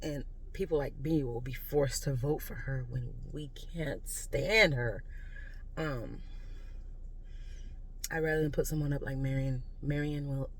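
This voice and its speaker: An American vlogger talks bluntly over some background noise, in a mid-pitched voice. The delivery is a casual, off-the-cuff political rant, exasperated and emphatic. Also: unhurried, rough recording. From United States. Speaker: video creator giving political commentary.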